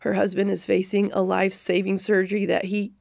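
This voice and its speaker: A woman leading a faith-based podcast discussion, earnest and reflective with gentle emphasis. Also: mid-range voice, flat delivery, fairly quick, gravelly, no room sound, studio quality. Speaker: Bible study discussion leader.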